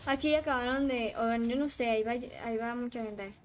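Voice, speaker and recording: A woman streaming a game, chatting casually with her viewers and getting excitable as she plays. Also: fairly high pitch, fairly quick. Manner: excitable, shrieks and laughs while playing, chats with viewers. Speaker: livestreaming gamer. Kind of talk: casual gaming livestream chat.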